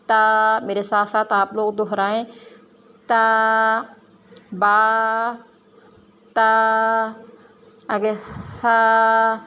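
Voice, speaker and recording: A woman gives a Quran reading lesson at a patient pace. She explains how to shape the lips and tongue, then says each letter slowly with emphasis for the learners to repeat. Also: mid-range voice, a little hiss or hum. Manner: drawn-out, emphatic letter sounds, explaining mouth positions. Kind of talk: slow, careful letter-by-letter pronunciation lesson.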